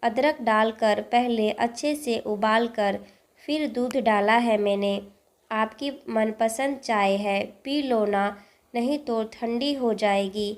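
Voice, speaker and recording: A woman voicing an innocent, caring young granddaughter who coaxes softly in a storybook reading. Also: on the high side, takes it slowly. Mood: coaxing, caring.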